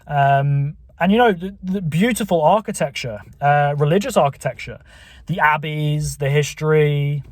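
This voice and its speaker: Recorded with no echo on a camera mic, a channel host from Buckinghamshire in England talks at normal speed in a fairly high voice with a southern English accent. He rambles to the camera from his car in a casual monologue, with many fillers and restarts.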